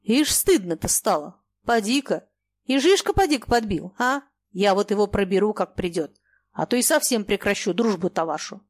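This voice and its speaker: A woman voicing a stern, bearded merchant father who talks bluntly and gruffly. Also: mid-range voice, expressive, normal speed, dry recording, close to an everyday voice. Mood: scolding. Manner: blunt, scolding then fatherly.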